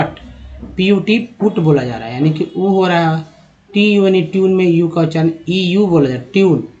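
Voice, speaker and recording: A man with a fairly high voice, teaching English pronunciation word by word. He spells out each word's letters and repeats the word patiently. The recording sounds dull and lo-fi. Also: darkish tone. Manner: addresses viewers as friends. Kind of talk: spoken English lesson.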